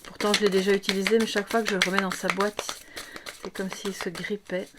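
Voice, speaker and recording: A woman's voice: medium pitch, little pitch movement, a little fast, very noisy. A woman giving a casual live tarot reading, chatty and affectionate as she talks straight to her viewers at a table microphone. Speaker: tarot reader.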